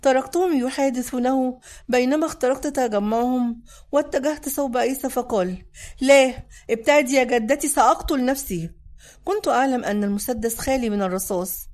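A woman narrating a dramatic audiobook in the first person, measured and intense. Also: fairly high pitch, dark tone.

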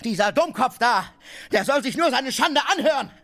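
An actor playing a coarse, scheming swindler in a radio drama, abusive and loud. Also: male voice, on the high side, very animated, moderate pace, heavily acted. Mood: ranting. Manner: abusive, blustering, shouting. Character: scheming middle-aged male swindler, coarse, bullying. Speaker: Tarantjew.

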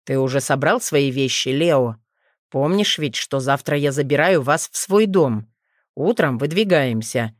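A calm dragon father, as a woman narrator puts him on, speaks in a deep, low, steady voice. He reassures his small sons gently and patiently. The audiobook sound is close and dry, with no room around it. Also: unhurried, dry recording. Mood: calm, reassuring. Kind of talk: audiobook reading.

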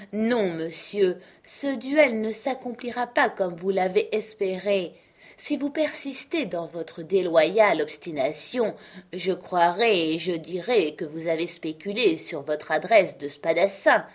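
A woman's voice: fairly low pitch, breathy edge, full character voice. A woman reading the part of a witty, mocking uncle, ironic and emphatic, in an audiobook. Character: witty, mocking uncle who fights a duel.

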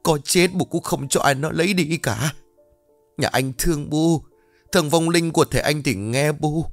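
A man's voice: mid-range voice, big pitch swings, moderate pace, faint music behind. A man voicing a frail, widowed old mother who begs her children, in her seventies or older. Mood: desperate. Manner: pleading, trembling.

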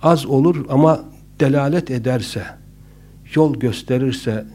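In a mid-range, dark-toned voice at a measured pace, a man teaches public speaking informally, joking along the way and leaning on frequent hesitant fillers.

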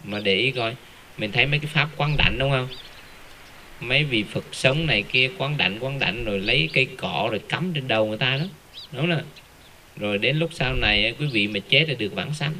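Bright-voiced man giving a Buddhist talk. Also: mid-range voice, brisk, slight background noise. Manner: animated, rhetorical questions, joking asides. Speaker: Buddhist lay Dharma speaker. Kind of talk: casual Dharma talk.

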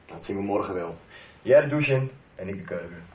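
An actor voices a relaxed, welcoming character in a radio soap, keeping things casual, practical, and matter-of-fact. He sits low in pitch, animated and brisk, with a slightly mellow tone. The recording has room ambience and background noise.

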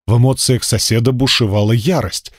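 A man reading a first-person fantasy audiobook in a steady, measured storytelling voice. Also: medium pitch, dry recording, clean studio sound. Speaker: audiobook narrator.

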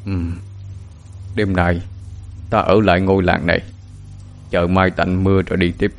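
A man voicing a wise, calm old male wandering master in a spoken horror story, speaking slowly, quietly and wearily. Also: deep voice. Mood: solemn. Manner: slow, quiet and weary.

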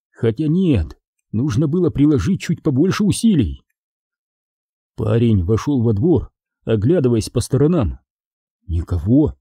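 A man narrating an audiobook with expressive storytelling. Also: medium pitch, husky, dry recording, clean studio sound. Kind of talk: scripted narration.

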